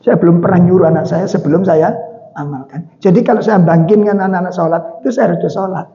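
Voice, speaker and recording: A man's voice: high voice, fast. A man with a Javanese accent preaching in a mosque, telling stories and asking the audience questions. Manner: chatty storytelling with questions to the audience. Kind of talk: mosque sermon. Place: mosque hall. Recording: dull sound with long hall reverb.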